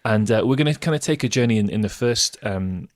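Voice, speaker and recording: A man's voice: fairly low pitch, a little fast. A man hosting a podcast, interviewing in an upbeat, conversational style. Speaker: podcast host.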